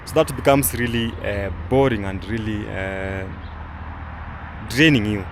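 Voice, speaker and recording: A young Kenyan man with a lowish, unhurried voice gives casual outdoor commentary as a travel vlogger. He rambles, full of fillers and restarts, while traffic noise runs through the recording.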